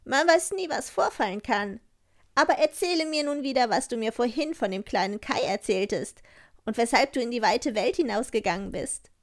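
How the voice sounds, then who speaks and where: A woman voicing a wild, bossy little robber girl in a storybook, with a brash, loud manner. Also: fairly high pitch, lively intonation, moderate pace, voice pushed up.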